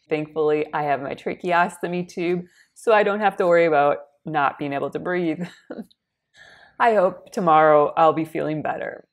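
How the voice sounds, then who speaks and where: A congested young woman speaks to camera in a soft, half-whispered voice that sits a little low. She tells her story very slowly and carefully in plain words, clearing her throat between sentences. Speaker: vlogger. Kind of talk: scripted personal storytelling. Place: indoors against a plain wall.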